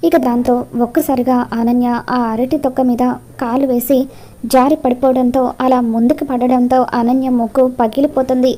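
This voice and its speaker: Woman, narrator, story recap, high voice, even tone. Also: normal speed. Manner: retells scenes, voicing the characters' lines in quotes.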